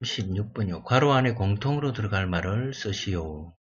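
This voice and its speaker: A man teaching through Bible exam questions, reading English verses slowly and explaining them in his own words, thinking aloud as he goes. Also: lowish voice, expressive, breathy edge, lo-fi sound. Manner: slow, deliberate reading of English verses with Korean glosses; thinks aloud and corrects himself. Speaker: exam prep lecturer.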